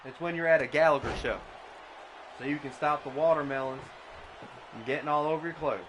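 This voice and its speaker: A man doing comedic mock wrestling commentary, deadpan and absurd, often stammering into restarts. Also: a little high, a little fast. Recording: noisy background.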